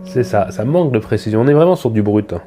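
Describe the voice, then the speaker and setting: A tech reviewer with a head cold does a casual unboxing review, chatty and self-mocking. His voice is on the low side, expressive, and fast. Faint music plays from the speaker he's testing.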